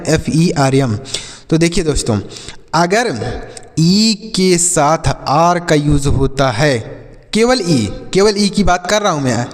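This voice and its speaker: Guy teaching english spelling rules, kinda high voice, spells stuff out letter by letter, asks himself questions and answers them, echoey room. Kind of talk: classroom-style lesson for video.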